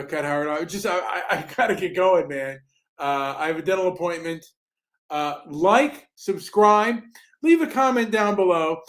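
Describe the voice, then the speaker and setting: A man's voice: high-pitched, fairly bright tone. A man hosting his podcast in casual chat, stammering and repeating words when pressed. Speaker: podcast host.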